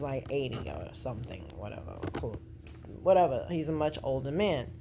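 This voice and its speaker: Recounting a stage play's plot as a vlogger, this American woman chats informally, mixing in slang, personal opinions, and acted-out quotes. She has a low voice with a dark tone, over a slight hiss or hum.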